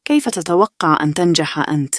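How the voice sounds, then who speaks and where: A woman's voice: sits low, animated, fairly quick, no room sound, studio quality. A woman reading the part of a sarcastic older brother, a young man, in a bedtime story. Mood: jeering. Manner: sarcastic, jeering.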